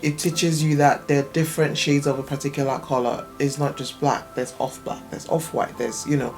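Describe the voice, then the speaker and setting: Guest, woman, 30s, from Nigeria, gravelly mid voice, thoughtful and chatty, faint music underneath. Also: low-pitched, flat delivery, normal speed, a little mellow. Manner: thoughtful, explains at length with many fillers. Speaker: guest, business owner. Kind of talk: casual interview chat.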